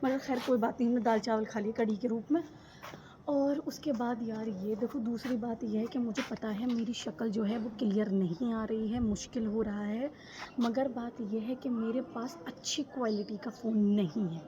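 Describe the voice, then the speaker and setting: A woman's voice: fairly high pitch, fairly even intonation, normal speed, muffled recording, background noise. A young woman vlogging into her phone camera on a rooftop, chatty and rambling, often giggling. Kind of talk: casual chat to camera. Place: rooftop outdoors.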